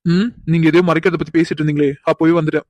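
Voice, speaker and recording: A woman voicing a calm, teasing young man in a cartoon, who talks in an unhurried, probing, quietly insistent way. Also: low voice, no echo, lightly acted. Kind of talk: animated cartoon dialogue.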